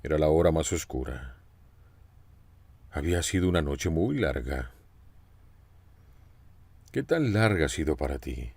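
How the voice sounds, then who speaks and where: A man with a low, deep voice preaches a sermon, his pitch rising and falling widely as he tells the story. He speaks with expression and turns often to ask his listeners direct questions. The recording is dry, with no room sound. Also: darkish tone, dry recording.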